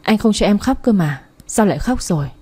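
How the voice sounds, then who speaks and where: A woman voicing a gentle young man in a romance story, speaking softly to his lover. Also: mid-range voice, animated, fairly quick, husky. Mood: tender.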